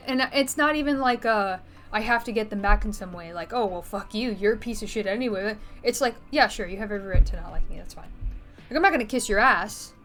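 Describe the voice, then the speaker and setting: A woman's voice: fairly high pitch, fairly bright tone. Rambling, candid woman vlogger. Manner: rambling, frequent filler words and restarts, candid and blunt with swearing. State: out of breath. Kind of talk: casual rambling vlog. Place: bedroom.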